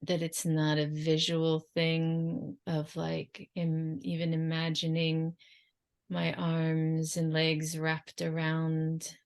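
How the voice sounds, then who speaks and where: A woman channelling in a trance like a seance medium, in halting, drifting phrases with long silences and a creaky, low voice. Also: completely flat delivery.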